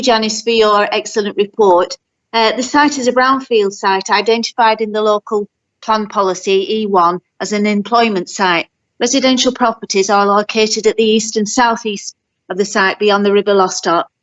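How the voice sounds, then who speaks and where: A woman councillor addresses a planning committee over the phone, reading her prepared remarks at a steady, formal pace. Her voice sits in an ordinary middle register. The phone line leaves it dull and muffled. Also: medium pitch. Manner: reads a prepared statement steadily. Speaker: ward councillor.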